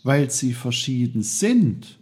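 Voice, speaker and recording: A man's voice: medium pitch, big pitch swings, takes it slowly, darkish tone, a little hiss or hum, pitched above the performer's own voice. A man voicing Peter, a curious young boy who asks eager questions. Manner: eager, wondering.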